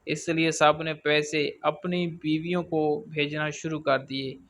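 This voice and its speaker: A man narrates a scripted story in a steady, even manner. His voice sits fairly high for a man. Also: slight background noise.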